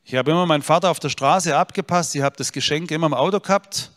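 Speaking quickly in a fairly high, slightly bright voice, this man delivers an inspirational sermon built on personal stories. He speaks right to his audience, earnest but with a dry sense of humor, and the sound has a long hall reverb.

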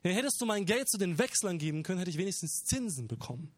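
A man's voice: sits high, sing-song, fast, no echo, clean studio sound. A man voicing a stern lord in a retold parable, scolding his lazy servant with emphatic force. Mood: angry.

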